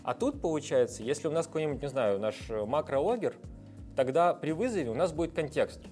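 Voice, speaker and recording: A man guest, a software developer, explains technical ideas at length in a casual interview, often making hesitation sounds. His fairly high, slightly mellow voice has lively intonation and a fairly quick pace, with soft background music.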